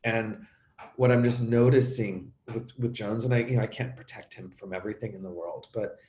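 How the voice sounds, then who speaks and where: A middle-aged man talking openly as an interview guest, animated and halting, often restarting and acting out sounds. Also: on the low side, echoey room. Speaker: actor and coach, interview guest. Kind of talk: emotional conversational interview.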